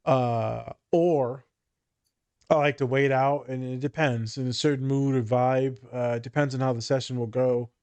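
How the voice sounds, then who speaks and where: Male podcast co-host and therapist, mid-pitched voice, slangy and candid storyteller who swears freely. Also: steady tone, normal speed, a little mellow, clean tone. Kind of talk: casual podcast chat, storytelling.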